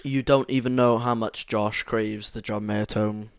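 A man's voice: fairly low pitch, steady tone, measured pace, clean tone, no room sound. A young man chatting casually as a podcast co-host, rambling and enthusiastic, right up close to his microphone. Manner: rambling, enthusiastic, full of fillers. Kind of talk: casual chat.

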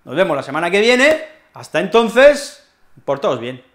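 A man with a Spain accent giving an online Spanish lesson. His voice sits notably high, and he explains in a chatty, playful way. He keeps checking in with tag questions. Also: big pitch swings, unhurried, fairly bright tone. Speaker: Spanish teacher.

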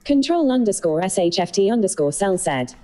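Dark synthetic female chat-reader voice. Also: mid-range voice, big pitch swings, a little fast. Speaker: text-to-speech chat reader. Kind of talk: synthetic reading of chat messages.

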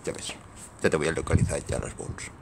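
A man with a Catalan accent, recorded on a phone outdoors, talking to himself in a gravelly, creaky voice. He keeps repeating himself, mutters under his breath and often sinks into whispers. Faint noise sits under the recording. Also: a bass voice, level tone, fairly quick. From Maresme, Catalonia. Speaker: amateur filmer. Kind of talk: casual commentary while filming. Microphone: phone camera.

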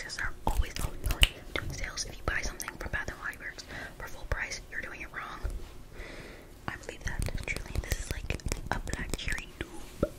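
Young woman in fast, aggressive whispered ASMR role-play. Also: rough recording. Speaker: ASMR creator. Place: small bedroom, indoors. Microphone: close studio mic with fluffy windscreen.

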